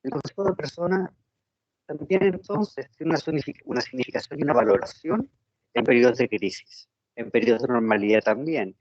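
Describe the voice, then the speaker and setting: Un profesor imparte una clase por videollamada, pausado y con muchas muletillas. Su voz llega entrecortada por una mala conexión, con un sonido apagado y de baja calidad. No se oye ninguna reverberación de la sala. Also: male voice, medium pitch, darkish tone. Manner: measured, with frequent "eh" fillers. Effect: choppy, breaking-up audio from a bad connection. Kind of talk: online university lecture. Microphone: computer microphone on a video call. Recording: dull, lo-fi and dry.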